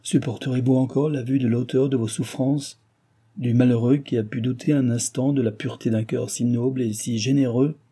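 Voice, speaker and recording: A man voicing a remorseful young gentleman who pleads fervently with the woman he loves, in a read-aloud novel. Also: medium pitch, fairly even intonation, moderate pace, husky, lightly acted. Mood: adoring.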